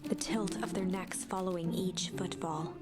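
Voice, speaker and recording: A woman narrating a video game story in a soft, hushed storybook manner. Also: lowish voice, steady tone, normal speed, lightly acted. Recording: loud music under voice.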